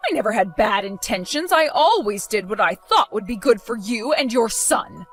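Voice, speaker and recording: A woman's voice: a little high, lively intonation, normal speed, soft background music. A woman voicing a spiteful older mother-in-law in a dramatized story, protesting indignantly.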